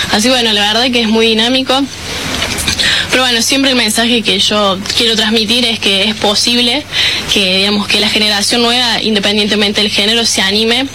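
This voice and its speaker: A woman's voice: mid-range voice, pushed and bright, a little hiss or hum. A woman in her twenties from Córdoba with an Argentine accent, explaining her work as an engineer in an interview. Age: 20s. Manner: explanatory, with fillers like "digamos". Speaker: agricultural engineer, guest. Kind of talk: interview answers.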